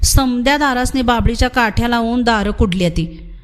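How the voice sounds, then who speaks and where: A woman's voice: a little high, normal speed, lightly acted. A woman voicing a worried village messenger. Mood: anxious. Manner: rustic village speech. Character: worried village man bringing grim news.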